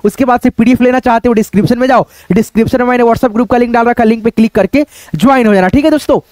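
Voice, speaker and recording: High-voiced man teaching spelling step by step. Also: rapid-fire, a little mellow, no room sound. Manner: patient, repetitive, addresses viewers as friends. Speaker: English teacher. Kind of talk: online spelling lesson.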